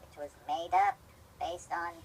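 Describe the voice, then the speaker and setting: A man in a played video clip whose voice is pitch-shifted up into a chipmunk voice, explaining a claim aloud. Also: flat delivery, unhurried, slight background noise.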